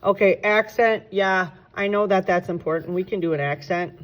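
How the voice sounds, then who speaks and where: A woman orchestra teacher walking students through a sheet of music in a casual, chatty way, thinking aloud and correcting herself, swinging between bright exclamations and quiet asides. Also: mid-range voice, normal speed. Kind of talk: classroom walkthrough.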